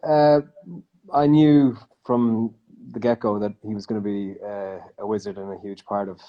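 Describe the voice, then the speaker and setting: A man's voice: fairly low pitch, warm tone, muffled recording. A man answering interview questions as a voice actor guest, modest and easygoing, heard over a video call.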